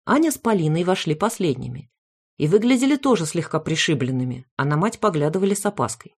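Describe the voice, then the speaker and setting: A woman narrating a funny audiobook story in the first person, with a wry, lively delivery. Her voice sits a little low for a woman. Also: quick pace, breathy edge. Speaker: audiobook reader.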